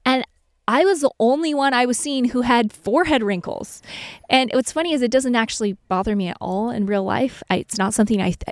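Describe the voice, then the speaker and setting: Chatty young woman with a smooth voice. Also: fairly high pitch, a little fast, no room sound, studio quality. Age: 20s. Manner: earnest, candid, chatty. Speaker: podcast co-host. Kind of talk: casual chat.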